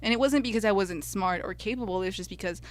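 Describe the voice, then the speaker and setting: Speaking fast at a middle pitch, a young American podcast co-host whose first language was Spanish reflects sincerely on her own life. There's a little hiss or hum in the recording.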